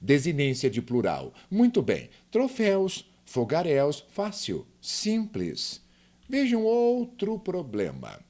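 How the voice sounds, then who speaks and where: A man teaching grammar in an online lesson. His voice sits a little high and swings up and down a lot as he makes his points. He stresses words hard and keeps turning to quiz the viewer. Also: slow. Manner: lively, emphatic, asks the viewer questions.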